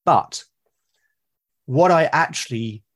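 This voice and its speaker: This British man speaks slowly yet animatedly, his voice fairly high in pitch. He is an artist and podcaster being interviewed as a guest in a casual conversation, and he hesitates often, repeating words as he opens sentences.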